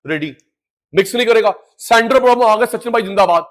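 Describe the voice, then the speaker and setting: A middle-aged man teaching an economics class live, energetic, mixing Hindi and English and drilling students with repeated call-and-response. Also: sits high, fast talker. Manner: mixes Hindi and English terms.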